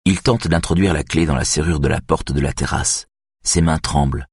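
A man reading a thriller audiobook in a measured, steady way. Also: rumbling low, breathy edge, no echo, studio quality. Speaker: audiobook narrator. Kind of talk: scripted narration of a thriller.

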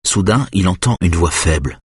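Deep, husky male audiobook narrator. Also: no room sound, studio quality. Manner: measured, steady present-tense reading. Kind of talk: scripted thriller narration.

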